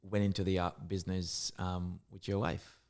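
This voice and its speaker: A middle-aged man from Jamaica, a guest artist talking in a casual interview, reflective and halting, often restarting his sentences. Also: low-pitched, little pitch movement, a little mellow.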